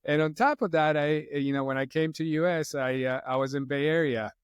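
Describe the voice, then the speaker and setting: Relaxed middle-aged man from Poland. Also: on the high side, brisk, clear, resonant tone, no echo, dull audio. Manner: relaxed, rambling, frequent "you know" fillers. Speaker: podcast guest, company co-founder. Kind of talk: casual interview chat.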